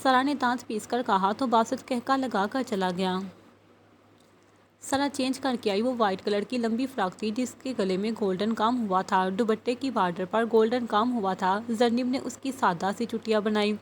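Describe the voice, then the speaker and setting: Higher-voiced woman reading a novel aloud. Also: slight background noise. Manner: reads all characters in her own voice. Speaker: audiobook narrator. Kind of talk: scripted novel narration with voiced dialogue.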